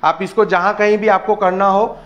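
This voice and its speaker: A man's voice: high-pitched, little pitch movement, moderate pace, fairly bright tone. A man owning a tool shop, explaining step by step and telling viewers to look while he demonstrates a laser leveler. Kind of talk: casual product demonstration. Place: small tool shop room with shelves, indoors. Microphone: handheld camera filmed by another person. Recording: echoey room, slightly dull, faint noise.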